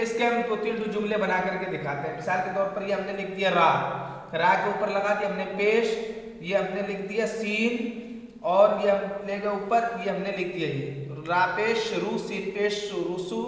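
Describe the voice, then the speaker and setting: A man teaching children to read the Arabic script, spelling out letters patiently and asking questions back. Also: high-pitched. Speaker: Quran reading teacher. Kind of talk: spelling lesson with repetition. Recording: echoey room, mic far off.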